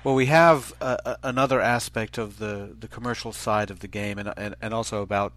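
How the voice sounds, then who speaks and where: Fairly low-voiced male interview host. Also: steady tone, a bit bright, faint music behind. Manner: halting, rambling lead-ins to questions. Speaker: show host. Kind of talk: interview hosting.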